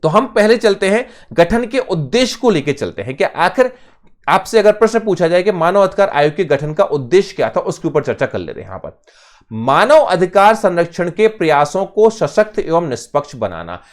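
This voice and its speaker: A man's voice: sits high, very animated, moderate pace. A man teaching an exam-prep lecture in Hindi, posing questions and answering them himself, often checking in with "ठीक है". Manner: emphatic, with sudden bursts of loudness on key terms.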